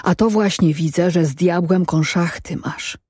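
A storyteller voicing a nosy, suspicious village man in an audiobook, asking slow, pointed questions. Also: mid-range voice, a little mellow, husky, no echo, studio quality. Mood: suspicious prying. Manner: slow, probing, emphatic questions.

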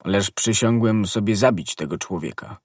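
Man reading an ardent hot-headed young guardsman, low husky voice. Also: normal speed, no echo, studio quality. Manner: ardent, impulsive.

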